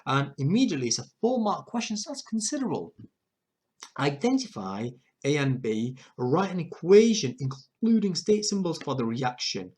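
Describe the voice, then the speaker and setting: A man with a slightly husky voice teaches chemistry, working through exam answers one step at a time. He talks in a methodical way and often stops to fix his own wording. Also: on the high side. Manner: methodical, self-correcting explanations. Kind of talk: exam question walkthrough.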